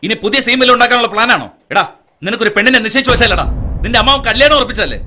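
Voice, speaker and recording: A man's voice: extremely high pitch, expressive, rapid-fire, bright, forceful tone, slight background noise, full character voice. An actor dubbing a domineering middle-aged police commissioner father who talks down to people in a harsh, taunting way. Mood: scornful. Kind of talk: dubbed film acting.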